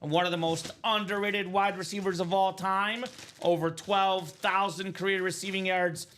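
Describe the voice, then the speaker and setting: An upbeat man in his thirties, originally from Bulgaria, hosts a live card-break stream. His voice sits high and sounds bright and forceful as he hypes up each pull and calls viewers brother. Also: little pitch movement, moderate pace, slight background noise. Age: 30s. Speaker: host of a live sports card break show. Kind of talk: live stream sales chat.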